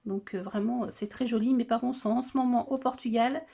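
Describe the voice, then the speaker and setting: Chatty woman with a slightly high voice. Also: steady tone, fairly quick, gravelly, mellow. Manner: hesitant, many filler sounds and restarts. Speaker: scrapbooking vlogger. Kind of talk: casual chat showing craft purchases.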